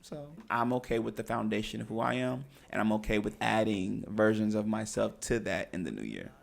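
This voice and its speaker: A man's voice: on the low side, brisk, vocal fry. A man co-hosting a podcast in casual chat, talking in an earnest, encouraging way. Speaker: podcast co-host.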